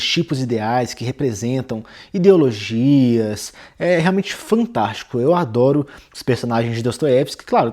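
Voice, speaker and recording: Mellow-voiced Brazilian man teaching literature. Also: mid-range voice. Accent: Brazilian Portuguese. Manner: conversational, peppers sentences with "né" and "tá". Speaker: literature channel host. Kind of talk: casual book-reading lesson.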